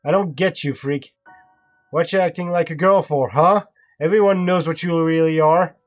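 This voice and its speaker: A man's voice: on the high side, fairly even intonation, normal speed, faint music behind, voice pushed up, natural voice. A man voicing a cruel young village bully with a sneering, taunting delivery. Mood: sneering angry.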